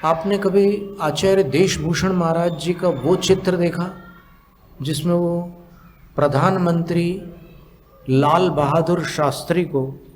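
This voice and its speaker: A monk giving a sermon, explaining slowly with long pauses, asking the audience questions and chanting scriptural verses in a drawn-out cadence. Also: male voice, fairly high pitch, steady tone, darkish tone, slight background noise. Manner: asks the audience questions to teach. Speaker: monk giving a religious discourse.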